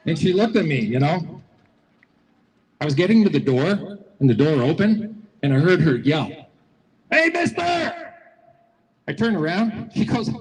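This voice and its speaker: A man's voice: on the high side, darkish tone, long reverb tail, a little hiss or hum, poor audio. A man giving a folksy, repetitive motivational speech to a crowd at an outdoor rally, telling stories as he goes. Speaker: rally speaker. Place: outdoor public square rally.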